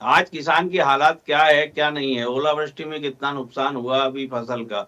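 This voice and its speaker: A man's voice: medium pitch, moderate pace, pushed and bright, highs cut off. A man speaking for farmers on a panel discussion, arguing earnestly with frequent hesitations. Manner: earnest, argumentative, many hesitations. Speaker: farmer representative guest.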